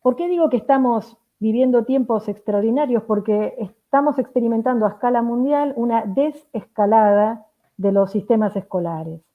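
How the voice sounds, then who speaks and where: A woman with a tired voice, giving an earnest, measured reflective talk to teachers. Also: a little high. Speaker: education speaker. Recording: phone-like narrow sound.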